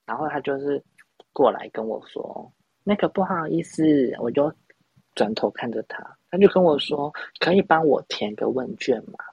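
A man's voice: mid-range voice, expressive, moderate pace, gravelly, a little mellow, breathy edge, no room sound, dull audio. A young man from Taiwan, telling a rambling, self-mocking story in a casual podcast chat. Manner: rambling, self-mocking, many restarts and laughs. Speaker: podcast host.

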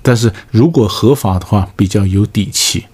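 Husky-voiced man with a Taiwanese accent. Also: fairly low pitch, moderate pace. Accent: Taiwanese Mandarin. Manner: lively, keeps asking rhetorical checks. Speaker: lecturer on negotiation. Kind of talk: spoken lecture.

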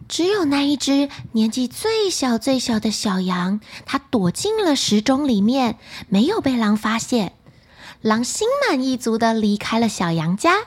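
A woman with a Taiwanese Mandarin accent, narrating a bedtime story for children in a lively, expressive way. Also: a little high, husky.

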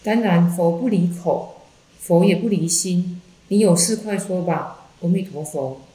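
A woman's voice: lowish voice, unhurried, dark tone, lightly acted. A woman voicing an earnest devout layman. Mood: impatient. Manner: earnest, a bit impatient. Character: devout middle-aged male lay Buddhist, earnest. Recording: echoey room.

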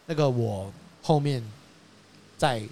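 A man with a Taiwanese Mandarin accent, a used car dealer telling stories in an animated, casual chat. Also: slow pace, a little hiss or hum. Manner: animated, acts out customers and his father with rising pitch and laughter.

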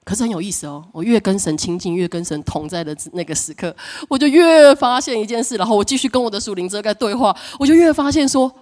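A middle-aged woman pastor preaching a sermon, telling stories with lively acted-out voices and frequent laughter. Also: medium pitch, fast, few pauses. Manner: animated storytelling, acts out quoted voices, laughs often.

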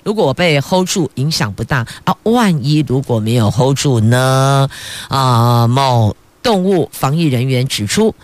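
Lively middle-aged Taiwanese news host. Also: female voice, extremely low pitch, a little slow, no room sound. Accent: Taiwanese Mandarin. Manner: chatty, talks straight to listeners with playful asides. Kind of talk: news reading with chatty commentary.

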